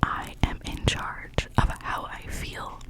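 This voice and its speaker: An ASMR host whispers a gentle, encouraging pep talk of positive affirmations, often repeating phrases slowly.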